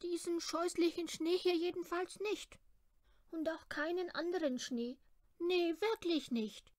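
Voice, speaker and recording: A woman's voice: extremely high pitch, steady tone, a little slow, no room sound, clean studio sound, voice pushed up. A woman voicing a frightened little girl lost in the snow, tearful and pleading. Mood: cross.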